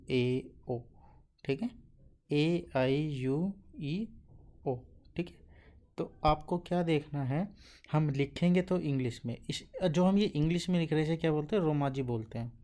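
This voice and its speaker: A Japanese teacher with a warm, low voice gives a classroom-style lesson for absolute beginners, reciting sounds one by one in slow, drilled fashion. He poses questions and answers them himself, checking in with "okay" constantly.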